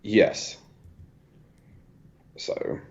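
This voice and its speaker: A man's voice: drawn-out words, darkish tone, slight background noise. A man co-hosting a movie podcast, chatting in a hesitant, hedging way. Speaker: podcast co-host. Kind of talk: casual chat. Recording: dull lo-fi sound.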